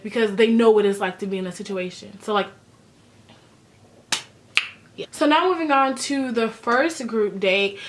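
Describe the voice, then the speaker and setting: A woman giving a casual, chatty and sassy recap of a reality show, using "like" a lot. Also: mid-range voice. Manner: chatty and sassy, heavy use of "like". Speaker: recap vlogger.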